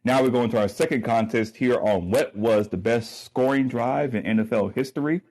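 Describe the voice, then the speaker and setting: Chill guy hosting a football debate, average pitch, lots of ums and uhs. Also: moderate pace, darkish tone. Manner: easygoing, filler-heavy moderator. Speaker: debate show host. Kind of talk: moderating a sports debate.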